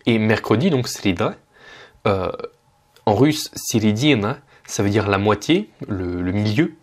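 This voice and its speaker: Low-voiced man teaching Russian casually. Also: animated. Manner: patient, slows down to model Russian words. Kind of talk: casual spoken lesson. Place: at home.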